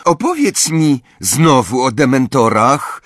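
A man's voice: mid-range voice, very animated, takes it slowly, fairly bright tone, no echo, clean studio sound, voice pushed up, heavily acted. A man reading aloud, voicing an eager, trusting young girl in a storybook. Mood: curious.

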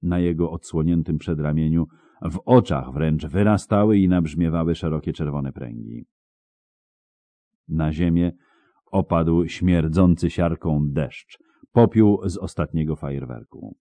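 A man's voice: very deep voice, unhurried, mellow, no echo. A man narrating an audiobook in a dramatic, vivid storytelling manner, close to the mic.

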